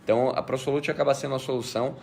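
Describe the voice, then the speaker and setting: A man from Bahia, a slightly hoarse guest on a podcast, explaining finance step by step. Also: mid-range voice, steady tone, racing, darkish tone, slight background noise. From Bahia, Brazil. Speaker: guest, fintech manager.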